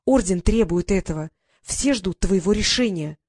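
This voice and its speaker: A woman's voice: mid-range voice, expressive, moderate pace, a little mellow, husky, no echo, clean studio sound. A woman voicing a devoted, bloodthirsty female servant who talks insistently and with heat. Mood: insistent, hateful. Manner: insistent, heated.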